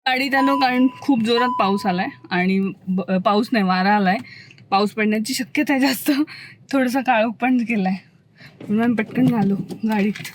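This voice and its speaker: A woman's voice: normal speed, poor audio. A young woman with a Marathi accent, talking casually to the camera in a family vlog, explaining her plans as she goes. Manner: baby talk to a toddler, high sing-song. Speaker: vlogger. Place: outdoors and in a car, rainy coastal day. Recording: phone vlog with clear background noise.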